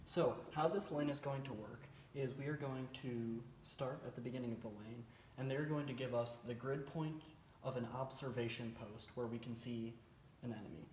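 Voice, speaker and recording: A man's voice: mid-range voice, moderate pace, darkish tone. A man with a mid-range voice explains a military drill informally. He is plain-spoken and slightly hesitant, going step by step. The sound is roomy, with light noise behind him. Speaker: military cadet team instructor. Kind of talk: informal instructional briefing. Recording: roomy echo, faint background noise.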